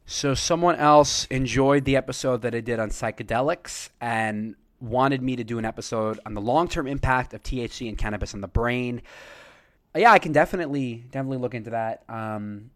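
Fast-talking male podcast host. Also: fairly low pitch. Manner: fast-talking, rambling with fillers and restarts. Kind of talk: casual solo podcast intro.

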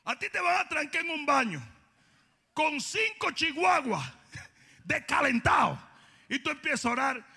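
Brief: bright, gravelly-voiced male preacher, comic and loud, echoing hall. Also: very high voice, big pitch swings, a little slow, pauses often. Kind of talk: sermon. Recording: long hall reverb.

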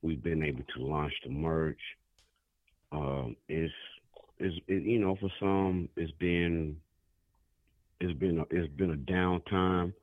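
A man's voice: very deep voice, takes it slowly, pauses often, dry recording, narrow, tinny audio. A man talking as a guest on an interview show, laid-back and slangy, often restarting his words. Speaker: guest musician. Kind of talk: casual interview chat.

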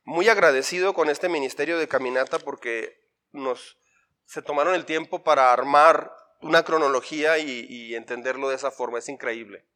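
A man's voice: medium pitch, moderate pace, sharp tone. A man, a pastor leading an interactive Bible workshop in church. He talks playfully and drills the listeners with repeated lists and questions. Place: church before a congregation.

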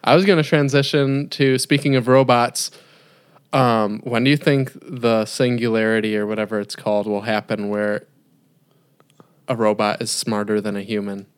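A man's voice: fairly low pitch, fairly even intonation, normal speed, smooth. A young man co-hosting a casual podcast chat from home, joking and throwing out questions. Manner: joking, asks questions and bounces between ideas. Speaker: podcast co-host. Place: home, remote recording.

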